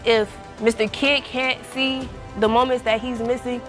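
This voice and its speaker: A woman's voice: fairly high pitch, little pitch movement, a little slow, over music. A young woman giving explanatory testimony as a litigant in a TV court.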